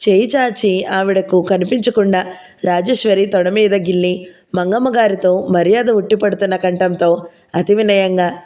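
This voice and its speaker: A woman narrating a novel in the first person, in a steady storytelling manner. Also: medium pitch, normal speed. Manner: steady storytelling, reading dialogue aloud. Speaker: audio novel reader.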